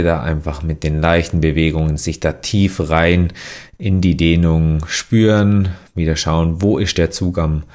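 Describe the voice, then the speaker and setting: A young man with a very low voice talks through a series of stretches and exercises. His instruction is loose and unscripted, full of fillers and restarted phrases. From Germany. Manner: relaxed, many fillers and restarts. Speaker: athlete demonstrating exercises.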